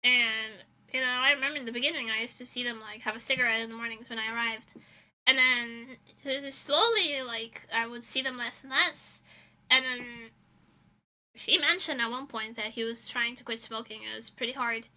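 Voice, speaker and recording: A young adult woman VTuber streamer chats casually with her viewers on a livestream, telling rambling, informal, giggly anecdotes. Her voice is on the high side, pushed and bright, with fairly even intonation and a moderate pace. The audio quality is poor.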